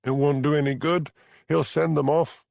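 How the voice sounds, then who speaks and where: This audiobook character voice comes from a man whose creaky, darkish voice shows little pitch movement at a normal speed, with no room sound. He plays a trapped, tearful young crofter's wife in an unhappy marriage, pleading plaintively in a high pitch.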